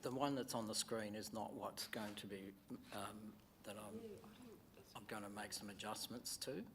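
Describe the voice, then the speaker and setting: An Australian man, a councillor moving a motion at a formal meeting, speaking haltingly with many fillers and restarts. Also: lowish voice, crowd noise.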